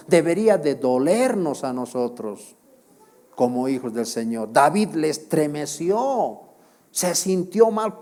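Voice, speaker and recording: A man's voice: on the high side, mellow. A male pastor preaching a sermon, with repeated phrases, rhetorical questions to the congregation and emphatic exclamations.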